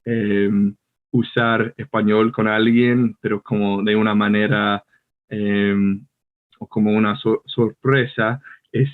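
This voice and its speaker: A man's voice: fairly low pitch, flat delivery, slow. A young American man whose first language is English, speaking Spanish with a picked-up Argentine accent, hesitant and searching for words in a casual chat. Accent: Argentine Spanish, learned as an American. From United States. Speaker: podcast co-host. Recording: tinny phone-like call audio.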